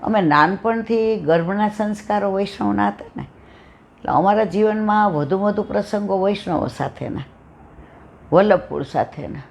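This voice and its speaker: An older woman leads a devotional satsang in an earnest, conversational way. She often turns questions to her listeners. Her voice has a gravelly edge. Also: mid-range voice, normal speed, darkish tone. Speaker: satsang speaker. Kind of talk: devotional talk with personal storytelling.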